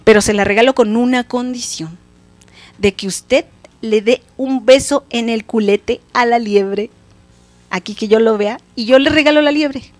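A woman voicing a clever, cheeky young peasant lad who talks high and bold. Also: a little slow, a little mellow, no echo, soft background music, lightly acted.

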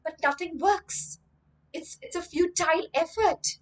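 Her voice is very high and her pace measured as this young woman, a teacher and storyteller, reads a story on a webcam livestream from a room in her home. She reads expressively and stresses words, explaining vocabulary often.

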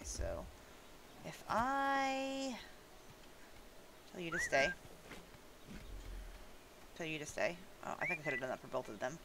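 A woman's voice: deep voice, a bit bright, slight background noise, rough recording. A woman casually commenting as she plays a game, chatting, and scolding and coaxing her in-game animals. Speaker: gameplay streamer. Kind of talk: casual let's-play commentary.

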